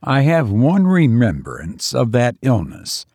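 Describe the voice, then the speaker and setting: Male audiobook narrator, unhurried and deliberate, dry close sound. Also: mid-range voice, wildly swooping pitch, a little mellow, slightly rough, no room sound. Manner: measured, deliberate storytelling.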